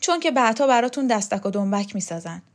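A woman's voice: on the high side, animated, natural voice. A woman voicing a frail, fearful sick woman. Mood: fretful. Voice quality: plaintive, worried.

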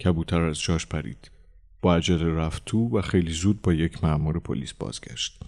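A man narrating a translated short story in an expressive, dramatic audiobook style. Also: deep voice. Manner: expressive, shouting the quoted lines.

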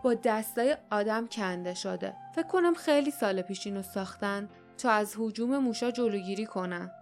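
A woman voicing a blunt, grumbling grown man in an audiobook, gruff and complaining. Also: medium pitch, faint music behind, natural voice. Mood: dry.

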